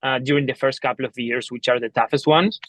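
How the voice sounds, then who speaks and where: A man's voice: mid-range voice, fairly even intonation, fast talker, a bit bright, dry recording. Upbeat man. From Argentina. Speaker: guest, startup co-founder. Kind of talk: casual interview. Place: coworking office.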